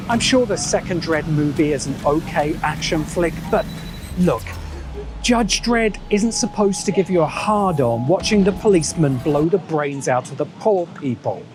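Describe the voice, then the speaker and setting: With background music running beneath him and a noisy backdrop, a man reads scripted video-essay narration full of opinion, sardonic and emphatic. His voice sits on the high side.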